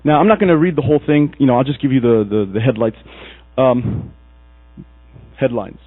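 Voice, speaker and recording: A man preaching a sermon in a casual, animated storytelling way, slipping into acted asides. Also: medium pitch, moderate pace. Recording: tinny lo-fi recording with mains hum.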